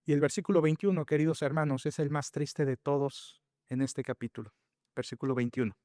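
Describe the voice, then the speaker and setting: A male pastor delivers an earnest sermon in a fairly high, smooth and resonant voice. He presses his points with emphasis and rhetorical questions, speaking directly to the congregation. The sound is dry and close, with little room echo. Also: fairly even intonation, brisk, warm tone. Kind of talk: expository sermon. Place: church sanctuary.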